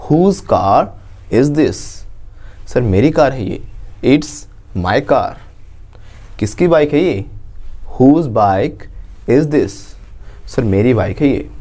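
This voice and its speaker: Slow, warm man teaching English. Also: medium pitch. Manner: slow drilling, repeats English phrases for students to say along. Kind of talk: spoken English lesson.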